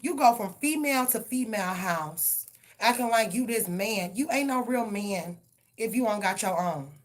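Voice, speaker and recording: A woman's voice: medium pitch, expressive, normal speed. A woman giving a live tarot reading and ranting bluntly, with heavy profanity. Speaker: tarot reader.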